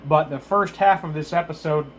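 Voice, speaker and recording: A man's voice: on the high side, normal speed, a little hiss or hum. A man giving a casual, unscripted recap as a video reviewer, rambling and correcting himself, his speech slightly slurred from a mouth numbed at the dentist. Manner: hesitant, rambling, self-correcting.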